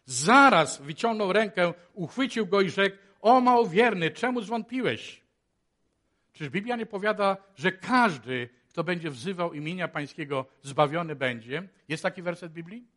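A male preacher delivers a sermon with a somewhat high voice. He shifts from quiet, low passages to loud, emphatic ones and leans on rhetorical questions to stir his listeners. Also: lively intonation, normal speed. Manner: dramatic swings between hushed and loud, rhetorical questions. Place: chapel.

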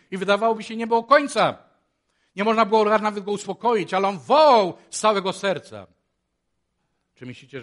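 A man preaching a sermon in a chapel, moving between hushed and loud passages and asking many rhetorical questions. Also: high-pitched.

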